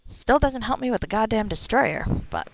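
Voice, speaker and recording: Expressive and creaky, this mid-range voice moves at normal speed over slight background noise and poor audio. The speaker streams a game with sweary, rambling, self-directed chatter, occasionally reading in-game text aloud.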